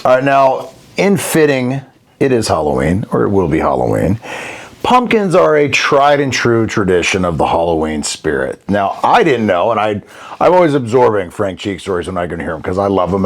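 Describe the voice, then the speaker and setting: Brief: male host, lowish voice, easygoing and quick with a joke. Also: big pitch swings. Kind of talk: sports interview show hosting.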